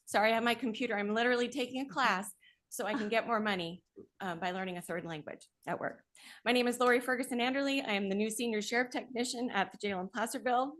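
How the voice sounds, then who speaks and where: Woman, fairly high voice, emotional yet determined, deliberate public comment at a podium. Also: a bit bright. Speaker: public commenter, jail sheriff technician. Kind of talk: public comment at a board meeting. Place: county board meeting chamber.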